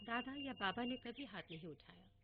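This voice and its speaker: A woman telling a first-person story in a wistful, reminiscing, expressive way. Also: on the high side, moderate pace. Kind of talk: dramatic first-person monologue reading. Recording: tinny phone-like audio with faint hiss.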